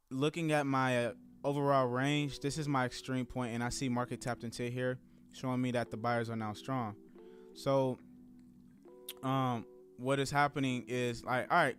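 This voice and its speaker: A man's voice: mid-range voice, fairly bright tone. Laid-back man in his thirties, live chat. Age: 30s. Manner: laid-back, rambling, addresses viewers as y'all and guys. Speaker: trading streamer. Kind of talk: casual live-stream chat.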